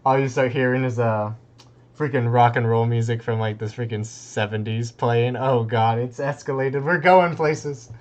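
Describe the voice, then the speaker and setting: A relaxed man casting a live strategy game match. He rambles loosely, drops in plenty of "like"s and chuckles between thoughts. His voice sits in an everyday middle register. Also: mid-range voice, measured pace, highs cut off. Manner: laid-back and rambling, laughs often, many fillers. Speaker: esports caster. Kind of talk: casual live game commentary.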